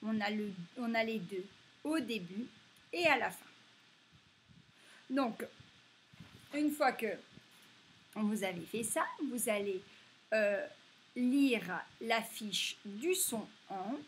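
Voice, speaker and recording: A woman teaching a reading lesson to young children, slowly stretching and stressing each example word. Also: a little high, expressive, a little hiss or hum. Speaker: primary school teacher.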